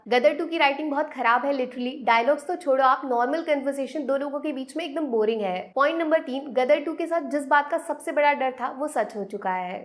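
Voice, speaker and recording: High-voiced woman giving a blunt film review. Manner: blunt, punchy point-by-point delivery.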